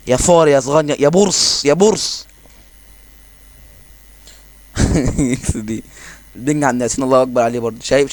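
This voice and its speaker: A man with an Egyptian Arabic accent giving casual, excitable commentary over his own gameplay, joking and exclaiming as he plays. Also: a little high, no room sound. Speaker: gaming channel host.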